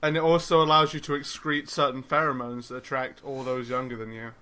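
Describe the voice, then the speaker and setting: A man co-hosting a casual podcast, cracking jokes in a dry, deadpan way. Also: mid-range voice, fairly quick. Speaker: podcast co-host.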